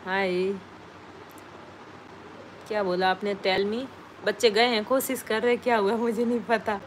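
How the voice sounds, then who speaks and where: A woman's voice: mid-range voice, level tone, unhurried, slight background noise. A woman chatting casually on a live stream, greeting viewers and reading their names aloud from the comments.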